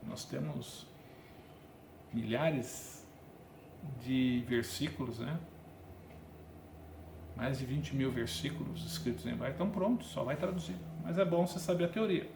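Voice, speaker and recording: A man's voice: mid-range voice, measured pace, vocal fry, pauses often, noisy background. A man with a Brazilian Portuguese accent teaching a Biblical Hebrew grammar lesson in a conversational, explanatory way, often checking in with his listeners. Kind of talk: recorded online lesson. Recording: echoey room with faint ambience.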